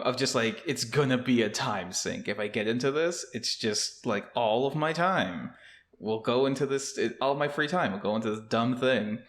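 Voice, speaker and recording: A man's voice: medium pitch, a bit bright. A young man co-hosting a casual podcast. He rambles with many fillers and restarts, and his voice echoes like a cave because his room is still empty. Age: young adult. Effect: cave-like echo from an empty, bare room. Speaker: podcast co-host. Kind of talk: casual chat. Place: empty new home office, indoors.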